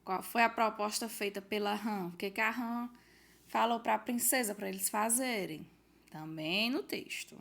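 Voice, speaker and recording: A woman's voice: medium pitch, measured pace, gravelly, a bit bright. A woman teacher from Brazil patiently walking pupils through a worksheet, reading out the questions and giving hints. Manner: patient, explanatory, reads out questions and gives hints. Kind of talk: recorded homework walkthrough for pupils.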